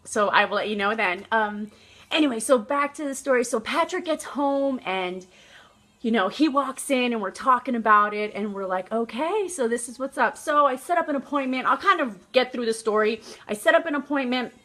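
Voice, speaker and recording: A young woman vlogger telling a personal story in a casual, animated way, laughing often. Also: a little high, normal speed.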